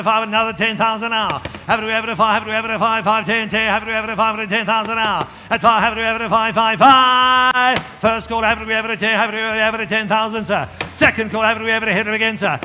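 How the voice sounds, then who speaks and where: A man working as an auctioneer, rattling out repeated numbers and calls in a rapid chant to urge bidders on. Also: high voice, sharp tone. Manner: rattling, repetitive calling, urging bidders. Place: large auction hall. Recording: echoey hall PA with background music.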